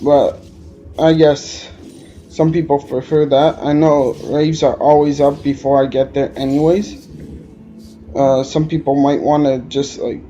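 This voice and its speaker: A man from Alberta, Canada, with Quebec French-tinged English, delivers flat, rambling gameplay commentary at a measured pace, hesitating often with lots of "uh"s. His voice is on the high side but dark in tone. The recording is muffled, with faint music behind.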